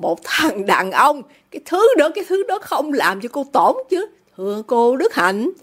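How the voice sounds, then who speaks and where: A woman's voice: on the high side, sing-song, moderate pace. A woman voicing a raging bully of a father. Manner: shouting, bullying, contemptuous. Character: furious greedy middle-aged businessman father.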